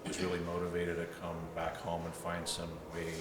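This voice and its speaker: A young South African footballer with a low voice talks a little fast in a completely flat delivery, telling his story as an interview guest. He's easygoing and full of "like" and "you know." The mic sits at a distance in an echoey, noisy room.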